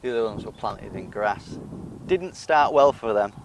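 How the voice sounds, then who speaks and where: A British man with a lowish voice and lively intonation chats casually at a normal speed while walking round his allotment, eating as he talks. He's an allotment vlogger doing a relaxed garden walk-through, chatty and self-deprecating, with slight background noise.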